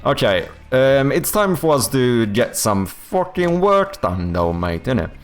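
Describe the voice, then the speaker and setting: This is a young man with a Swedish accent, mid-range in pitch and very animated, speaking at a measured pace over soft background music. Chatting loosely on his game dev stream, he curses often and fills gaps with ums, likes, and restarts.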